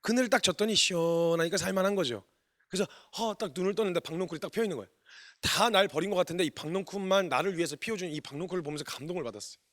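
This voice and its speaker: A man, a missionary preacher, giving a sermon in colloquial, animated storytelling style, acting out the quotes he tells. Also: high voice, rapid-fire.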